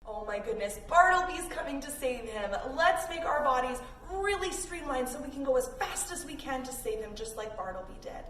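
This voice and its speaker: Here a woman from Canada, her high voice lively in intonation and fairly bright, moves children through yoga poses tied to a story, giving simple, upbeat step-by-step cues. She keeps a moderate pace with hardly any pauses. The sound is echoey, distant and noisy.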